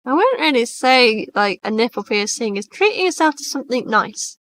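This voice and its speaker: Bright-voiced young woman. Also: on the high side, sing-song, moderate pace. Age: 20s. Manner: chatty, blunt, swears casually. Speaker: stream co-host. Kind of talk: casual chat reading posts aloud.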